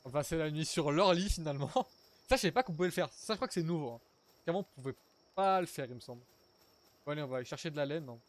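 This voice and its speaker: Chatty young French gaming streamer. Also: male voice, fairly high pitch, expressive, fast talker. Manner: chatty, talks to chat, casual swearing. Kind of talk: casual live gameplay commentary.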